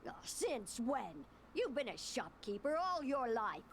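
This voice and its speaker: A woman's voice: fairly high pitch, sing-song, measured pace, a little hiss or hum. An actress playing a worried, exasperated small-town woman in a video game, scolding. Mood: exasperated, pleading. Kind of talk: video game character acting.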